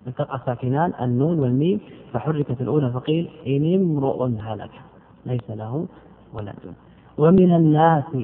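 A man's voice: a little high, a little hiss or hum. A man teaching grammar line by line, stretching out example words and putting rhetorical questions to his students. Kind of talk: explaining a grammar poem line by line. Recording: tinny phone-like recording.

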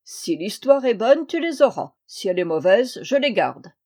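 A woman's voice: mid-range voice, big pitch swings, moderate pace, warm tone. Woman reading as a stingy, teasing old landowner. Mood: dry teasing. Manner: dry, teasing, gruff. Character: rich, stingy, bored older Russian landowner uncle. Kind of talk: audiobook reading.

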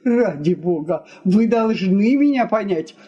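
Exasperated, blustering husband, slow and lively, voiced by a woman reader. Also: medium pitch, breathy edge, lo-fi sound. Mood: pleading. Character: exasperated quarrelsome middle-aged husband.

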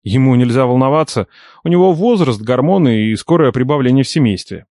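A man reading a first-person audiobook with an ironic, expressive storytelling manner. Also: mid-range voice, a little fast, dry recording, studio quality. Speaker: audiobook narrator.

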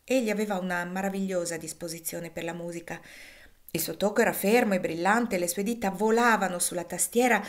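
A woman narrating an audiobook of a classic novel in a measured, steady way. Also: lowish voice. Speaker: reader.

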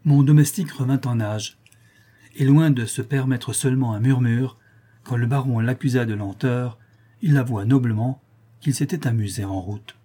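A man reading a classic novel aloud in a measured, even narration. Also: mid-range voice, breathy edge. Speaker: audiobook narrator.

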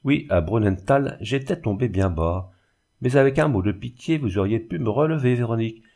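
A man's voice: mid-range voice, animated, moderate pace, darkish tone. Man reading a moaning, self-pitying sick glassmaker. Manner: plaintive, moaning. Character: suffering, self-pitying ruined male glassmaker. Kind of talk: audiobook character reading.

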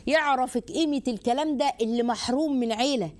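Woman, Egyptian accent, high voice, hosting a religious advice show, teasing and urging listeners. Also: quick pace. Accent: Egyptian Arabic. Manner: animated, exhorting, warmly teasing. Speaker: host answering viewer questions.

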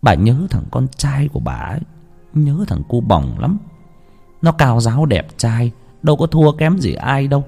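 A man narrating a ghost story with an expressive, drawn-out storyteller delivery. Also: mid-range voice, creaky, slightly rough, soft background music.

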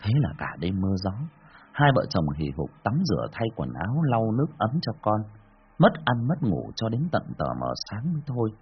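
Husky low-voiced guy telling a spooky story, big swings in pitch, muffled lo-fi sound. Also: normal speed. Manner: dramatic, animated telling. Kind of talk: dramatic ghost story narration.

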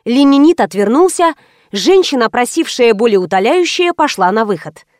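A woman narrating a story in the first person, wry and brisk. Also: a little high, big pitch swings, a little mellow, no echo, clean studio sound. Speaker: audiobook narrator.

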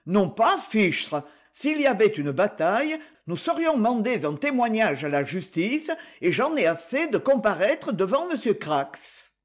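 A wary older townsman turns down an invitation with an emphatic grumble, as a male reader voices him. His voice stays close to the reader's own, high and lively. A storybook figure. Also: unhurried, hardly any pauses, full character voice. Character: older man, cautious, wary of courts.

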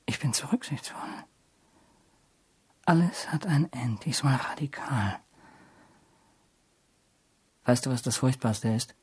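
An actor in a radio play voicing a bitter, lonely young soldier who speaks in a brooding, clipped way and often whispers. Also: male voice, medium pitch, takes it slowly, pauses often, slightly rough. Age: young adult.

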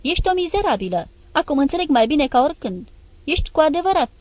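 A woman reading an audiobook, voicing an agitated, jealous grown man who pleads and shouts in an overwrought way. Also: high voice, sing-song, no echo. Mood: furious.

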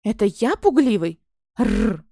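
A woman's voice: a little high, big pitch swings, measured pace, warm tone, no echo, studio quality, full character voice. A woman voicing a rude, skittish male dragon familiar in a storybook, growling and hissing his lines. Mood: grumbling.

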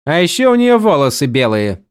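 Мужчина-чтец озвучивает коренастую властную женщину-наёмницу, говорящую резко и ворчливо. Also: male voice, a little high, sing-song, a little fast, dry recording, clean studio sound. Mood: mocking. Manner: blunt, gruff, grumbling. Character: stocky brusque woman mercenary, bossy.

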